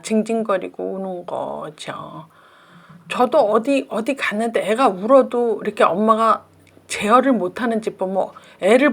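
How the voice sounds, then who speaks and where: A woman's voice: mid-range voice, vocal fry, slightly rough. A middle-aged woman, a professor, giving a casual talk on parenting advice and acting out little scenes between mother and child.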